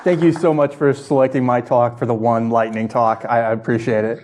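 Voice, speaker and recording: A man with a medium-pitched voice speaks as a presenter at a technical conference. He delivers an informal lightning talk in a conversational manner, addressing his listeners directly and checking that they follow. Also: flat delivery, brisk, background noise.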